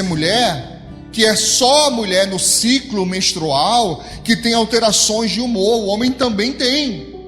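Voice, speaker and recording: Brazilian male pastor, high tenor, emphatic sermon delivery with sweeping pitch, speaks straight to the congregation; long room echo, soft music bed. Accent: Brazilian Portuguese. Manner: emphatic preaching with big pitch swings, addressing the congregation directly. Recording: long hall reverb with soft background music.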